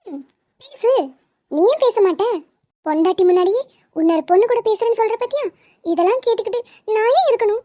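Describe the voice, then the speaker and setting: A woman voicing a jealous, dramatic young wife in an animated comedy, whiny and accusing. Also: very high voice, brisk, pauses often, no room sound. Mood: pouty. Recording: dull lo-fi sound.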